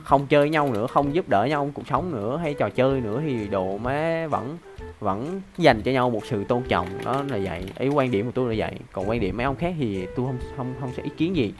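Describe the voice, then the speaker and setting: A man streaming a role-play game, rambling and swearing, sometimes breaking into loud mocking taunts. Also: medium pitch, animated, brisk, over music. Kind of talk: casual chat while playing a role-play game.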